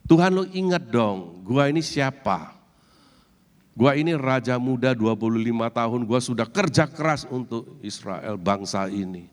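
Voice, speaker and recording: A man voicing a young king who weeps and insists, pleading in a drawn-out way. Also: mid-range voice, expressive, lightly acted. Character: young king, weeping and demanding. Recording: long church-hall reverb.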